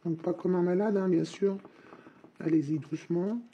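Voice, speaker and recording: A woman's voice: on the low side, steady tone, normal speed, dull audio, slight background noise. A woman with a slight head cold chats informally to her viewers while unboxing and trying out her hobby supplies. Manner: chatty and informal, talks straight to viewers. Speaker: hobby vlogger. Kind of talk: casual unboxing and demo chat.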